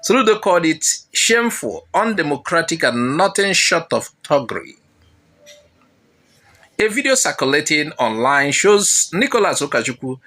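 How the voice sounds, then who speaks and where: Man, news commentary, bright voice, animated delivery. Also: on the high side. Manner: dramatic rhetorical questions.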